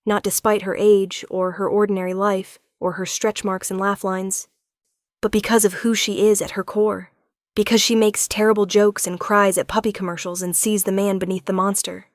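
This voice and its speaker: A woman giving smooth, unhurried scripted narration of a romance story. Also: mid-range voice, no room sound, studio quality.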